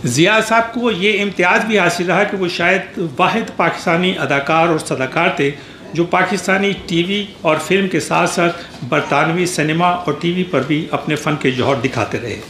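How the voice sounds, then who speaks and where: A man's voice: high voice, fairly bright tone. Man giving a formal tribute in an echoey hall. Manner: measured, formal reading with small restarts. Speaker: speaker at a memorial gathering. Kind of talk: formal prepared tribute speech. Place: reception hall at an embassy. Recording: echoey hall with faint background noise.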